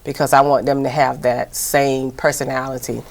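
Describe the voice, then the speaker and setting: A woman with a Southern accent talks in a very deep register with a gravelly edge. She chats casually as a guest, circling back on herself with lots of "you know" and "um.". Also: little pitch movement, normal speed. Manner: chatty, rambling, many fillers. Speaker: TV host and producer, guest. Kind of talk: casual interview chat.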